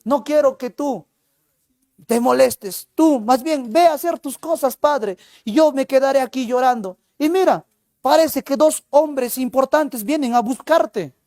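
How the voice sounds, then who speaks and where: A male teacher voicing a sad young Inca princess who speaks softly and mournfully, afraid of her father. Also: very high-pitched, measured pace, no echo, studio quality, voice pushed up. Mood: sorrowful.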